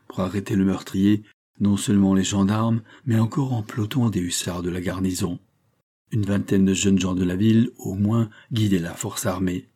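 A man narrates a classic novel in a steady, dramatic manner. His voice sits low, with a dark, breathy tone. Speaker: audiobook reader.

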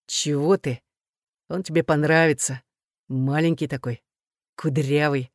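A woman reading aloud, voicing a grumbling, placating middle-aged husband in a low, coaxing mutter. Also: animated, a little slow, a little mellow, no room sound, clean studio sound.

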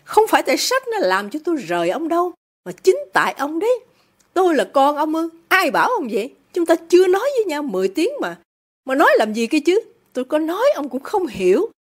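A woman voices a proud young woman turning on her rich father. She speaks coldly and bitterly, her high voice leaping with scorn. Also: very animated, a little fast. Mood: defiant. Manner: cold, defiant, bitter.

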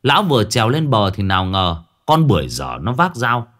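Man, storyteller, low voice, very animated intonation, earthy comic narration, faint background music. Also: brisk. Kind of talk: comic folk-tale narration.

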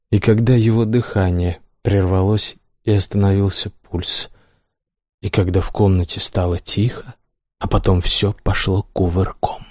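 Dark-voiced male audiobook narrator. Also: on the low side, no echo, clean studio sound. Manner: measured dramatic reading. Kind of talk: scripted narration.

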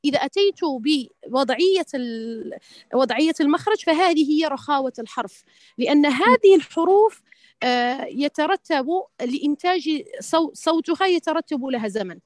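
During an online tajweed lesson, a woman teaching Quran recitation answers questions in a high-pitched, animated voice at normal speed. She speaks hesitantly, restarting often and adding pious interjections, and the recording is dry.

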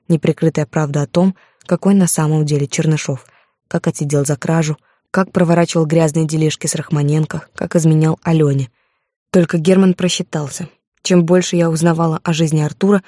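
A woman's voice: low voice, warm tone, no room sound, studio quality. A woman narrating a first-person audiobook with a dramatic, emotional reading.

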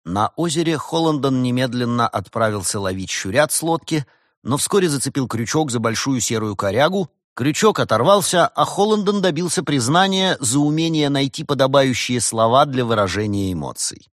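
A man narrating an audiobook in an expressive storytelling manner. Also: medium pitch, no room sound, studio quality. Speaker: audiobook reader.

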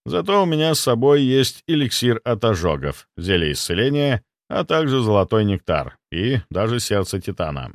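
A man reading an audiobook as narrator in an expressive storytelling manner. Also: medium pitch, normal speed, few pauses, no echo, studio quality.

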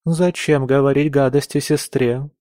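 A man's voice: mid-range voice, steady tone, measured pace, dark tone, no room sound, clean studio sound, voice pushed up, natural voice. A man voicing a noble mother who soothes her daughters but lays down the law firmly. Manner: soothing yet firm and commanding. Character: stern, fussy noble mother of two daughters.

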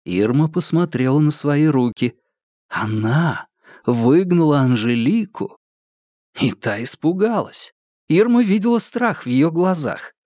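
A man's voice: a little high, expressive, a little slow, dark tone, no echo, studio quality. A man reading a novel aloud as an audiobook narrator. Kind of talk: scripted narration.

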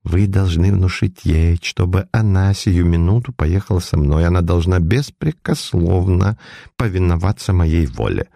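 A man's voice: mid-range voice, animated, a little slow, creaky, a little mellow, long reverb tail, pitched above the performer's own voice. A man voicing a scheming, nervous villain who wheedles and snaps rudely. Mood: whispered. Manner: wheedling, then snapping rudely.

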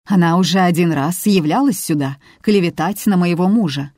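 Woman doing a haughty, sharp widow, low voice, audiobook. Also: moderate pace, no echo, studio quality, natural voice. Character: haughty widow, mistress of the house.

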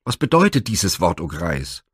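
A man's voice: sits low, sing-song, moderate pace, husky, no room sound, studio quality, voice pushed down, full character voice. A man reading the part of a proud king and father in a myth storybook, pleading and bursting out in indignation. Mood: anguished.

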